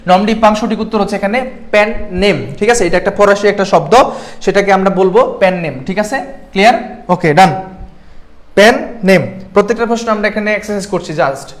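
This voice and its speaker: A young man from Bangladesh tutoring students in a live online class, asking them questions and checking in with them often. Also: sits high. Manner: quick, keeps checking in with the class. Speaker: admission exam tutor.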